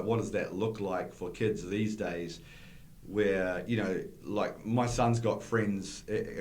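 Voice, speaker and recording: A middle-aged man hosting a podcast interview, chatty and quick to agree. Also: lowish voice. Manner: chatty, lots of agreeing "yeah"s. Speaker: podcast host. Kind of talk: casual interview chat. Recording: roomy echo.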